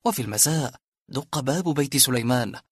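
A man reading a historical novel as an audiobook narrator, with steady, measured storytelling. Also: medium pitch, slightly rough, dry recording, clean studio sound.

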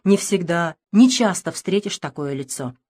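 A woman narrating a literary audiobook with expressive, tense storytelling. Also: on the low side, moderate pace, husky. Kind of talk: dramatic literary reading.

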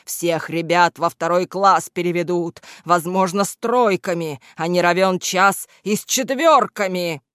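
A woman's voice: on the low side, unhurried, hardly any pauses, fairly bright tone, clear, resonant tone, no room sound, studio quality. A woman doing a snappish ink-blot villain boss. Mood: scheming. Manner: irritable, bossy, snapping. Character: gruff scheming male ink-blot villain leader. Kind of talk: storybook reading.

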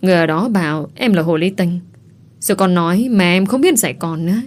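Young woman, wronged and defiant, read by a female narrator, low voice. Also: brisk, natural voice. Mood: complaining. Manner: indignant, tearful complaining.

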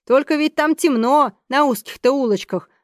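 An unflappable coachman with a folksy, easygoing way of talking, as a woman narrator puts him on. His voice is pitched higher than a man's and recorded dry. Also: moderate pace, no room sound, lightly acted. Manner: calm, folksy. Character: unflappable, folksy male carriage driver.

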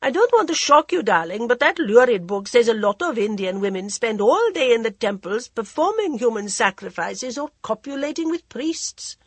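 A woman's voice: on the high side, sing-song, moderate pace, few pauses, breathy edge, no room sound, voice pushed up. Woman putting on a grand, drawling society lady. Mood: arch, languid. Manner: theatrical, languid drawl, calls everyone darling. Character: worldly, imperious older Indian society lady.

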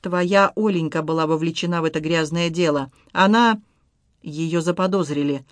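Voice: medium pitch, normal speed, dry recording, lightly acted. A bedridden young wife, weak and bitter, her words coming in gasping breaths, as an audiobook reader puts her on. The voice sits in the middle of the range, recorded close and dry. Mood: accusing. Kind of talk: audiobook dialogue.

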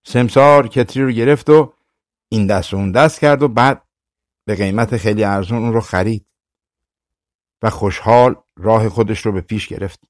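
Calm male storyteller, dry close sound. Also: fairly low pitch, no room sound. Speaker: audiobook narrator. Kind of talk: scripted narration.

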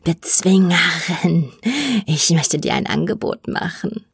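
A woman voicing a hunched male mutant with a rattling, wheezy voice, speaking slowly, low and hissing with mocking menace. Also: gravelly, husky, no room sound, exaggerated voice. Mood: solemn.

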